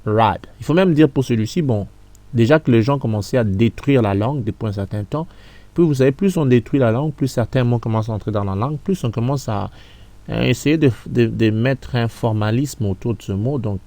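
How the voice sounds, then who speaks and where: A man teaching English reading in French, repeating sounds and words slowly for learners to copy. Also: mid-range voice, mellow, no echo. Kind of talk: French-language pronunciation lesson.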